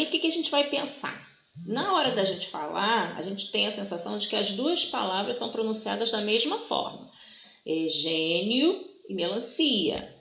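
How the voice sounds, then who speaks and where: Fairly high-pitched and creaky, with a sharp edge, this woman teacher patiently walks students through grammar, repeatedly asking "tá?" to make sure they're keeping up. The lesson was recorded in an echoey room with dull, lo-fi sound.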